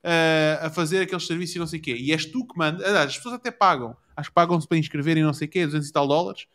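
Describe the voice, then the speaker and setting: A man's voice: fairly high pitch, rapid-fire, a bit bright. A man with a European Portuguese accent chatting casually, using plenty of slang and swearing freely. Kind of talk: casual chat.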